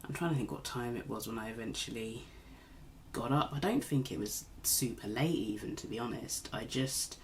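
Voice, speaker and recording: Over slight background noise, a woman with a very deep voice speaks at normal speed in a casual makeup tutorial. She's a beauty vlogger doing her makeup at home while recovering from a cold, a bit nasal, rambling and self-deprecating as she chats.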